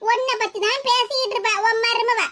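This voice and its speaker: A woman's voice: very high voice, fairly even intonation, a little fast, a loud crowd. A woman voicing a scheming young sister-in-law who tattles and stirs trouble. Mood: taunting. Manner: mocking, tattling.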